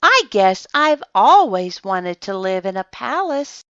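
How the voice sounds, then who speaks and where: A woman's voice: medium pitch, very animated, slow, a bit bright, no echo, lo-fi sound. A woman voicing a small, innocent toy bear in a children's storybook, speaking with earnest wonder. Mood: wide-eyed wonder.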